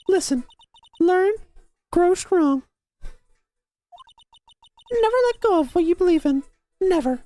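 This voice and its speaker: A man in falsetto voicing a calm female boss lawyer who mentors her junior, in a parody fan dub. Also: no echo. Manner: falsetto that drops to a deep voice.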